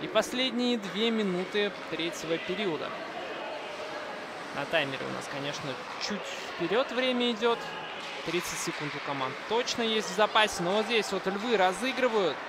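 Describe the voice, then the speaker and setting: Male live hockey commentator, high-pitched, unscripted with searching pauses, very loud rink noise behind. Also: animated. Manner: unscripted running commentary with hesitant pauses mid-sentence. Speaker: ice hockey play-by-play commentator. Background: noisy indoor ice rink.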